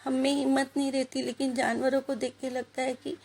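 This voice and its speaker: A woman's voice: sits high, level tone, darkish tone, a little hiss or hum. A woman in her thirties giving a religious talk, telling a personal story earnestly and putting questions to her listeners. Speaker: religious speaker.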